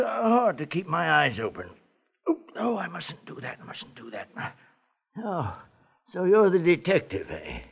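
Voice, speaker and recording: A man's voice: sits high, a bit bright, full character voice. An actor playing a frail, sleepy, fearful old man, rambling and mumbling in 1940s radio style. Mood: drowsy. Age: older. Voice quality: creaky, raspy. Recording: muffled old radio broadcast.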